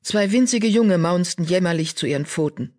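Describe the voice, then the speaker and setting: A woman reading a children's fantasy audiobook in a calm, steady scripted narration. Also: lowish voice, normal speed.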